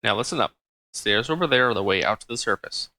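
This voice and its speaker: A man's voice: on the low side, lively intonation, quick pace, bright, forceful tone, no echo. A man reading aloud the lines of an old woman sage who guides the party through a video game, in an instructive tone.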